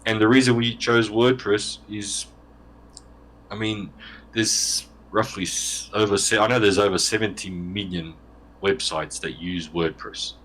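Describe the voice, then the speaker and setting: A man with a fairly low voice talks as a guest in a relaxed online interview. He rambles, restarts his sentences and drops in dry jokes. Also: measured pace. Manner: rambling, joking, self-correcting. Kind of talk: casual interview chat.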